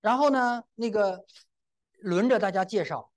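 A man's voice: sits high, measured pace. A middle-aged man preaching a sermon and telling a personal testimony. He speaks to the congregation directly and often breaks in with exclamations.

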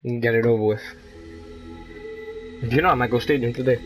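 A man casually chatting and joking with teammates while gaming, firing off quick callouts and slipping into Spanish slang. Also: medium pitch, soft background music. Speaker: gamer streaming his play.

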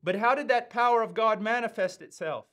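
A man in his fifties with an American accent, preaching a sermon in a slow, earnest, emphatic way with weighty pauses, seated in a studio. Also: sits high, a bit bright. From United States. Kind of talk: sermon teaching. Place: studio with dark backdrop, indoors.

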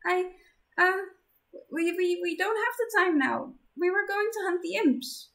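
A woman's voice: very high voice, animated, unhurried, vocal fry, fairly bright tone, voice pushed up, heavily acted. A woman voicing a shy, flustered young female angel who stammers nervously.

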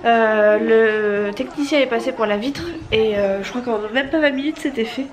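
Holding the camera at arm's length indoors at her apartment, a woman in her thirties with a cold-blocked nose vlogs about family life in a chatty, meandering way full of fillers and false starts. Her voice is a little high and her pace normal.

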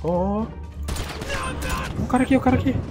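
A man's voice: very high-pitched, normal speed. A Brazilian man doing casual gameplay commentary, panicky and agitated under fire, firing off repeated words in heavy street slang. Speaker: gaming YouTuber. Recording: game music and gunfire behind. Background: game music, gunfire and vehicle noise.

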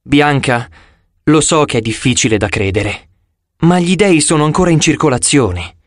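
A man's voice: on the high side, animated, moderate pace, dry recording, clean studio sound, lightly acted. A man voicing a blunt, hot-tempered teenage girl in an audiobook. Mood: earnest.

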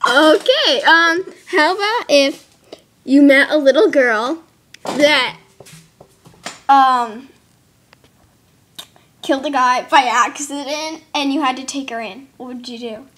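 A woman's voice: high voice, slow pace, pauses often, a bit bright, slight background noise. A woman interviewing in an amateur role-play, giggly and hesitant with many fillers. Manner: giggly, hesitant, lots of ums.

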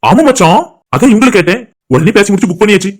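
A man's voice: sits high, lively intonation, fast, music in the background. A man voicing a cocky young groom in a cartoon, teasing and boastful. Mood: smug. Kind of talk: cartoon voice acting.

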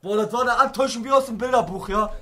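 A young man co-hosting a gaming stream, complaining and shouting back at his partner. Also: very high-pitched, quick pace. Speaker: streamer co-host. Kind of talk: loud gaming stream banter.

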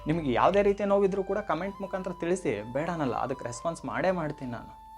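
A man's voice: on the high side, quick pace. A man giving an earnest motivational talk straight to his listeners, stressing and repeating his key phrases. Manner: earnest, direct address to listeners. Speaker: motivational speaker. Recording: faint background music.

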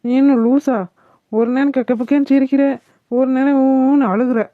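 A woman voicing a bossy, sharp-tongued girl in a cartoon, scolding and sarcastic. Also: sits high, steady tone, moderate pace, natural voice. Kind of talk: cartoon voice acting. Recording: tinny phone-like, dry.

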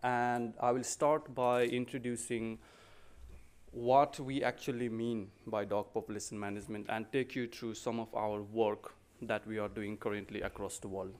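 A middle-aged man from Nepal gives a conference presentation at a podium microphone. His delivery is polite and a little halting, full of ums and restarts as he walks through his slides. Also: fairly low pitch, steady tone, darkish tone.

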